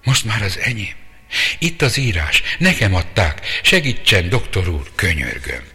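A man's voice: on the low side, very animated, pushed and bright, soft background music, voice pushed up. A man doing a desperate, pleading young woman. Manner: pleading, crying out. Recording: long reverb.

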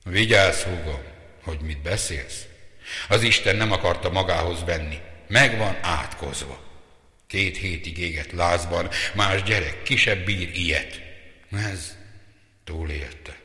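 A man's voice: low voice, bright, forceful tone. A man voicing a bitter, cold-hearted brother who speaks harshly and dismissively in a storybook. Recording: long reverb.

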